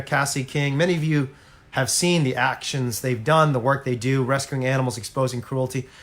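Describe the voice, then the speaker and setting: On a laid-back livestream at home, a male animal rights activist makes his case to viewers directly, earnest and persuasive. His mid-range voice is a bit bright, and the audio comes from a phone or laptop.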